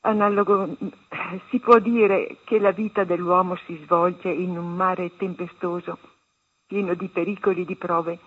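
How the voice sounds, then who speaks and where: Husky woman reading scripture on a phone line. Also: fairly low pitch, fairly even intonation, a little slow. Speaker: reader on a religious radio program. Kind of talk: reading scripture and a meditation aloud. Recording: tinny phone-line sound.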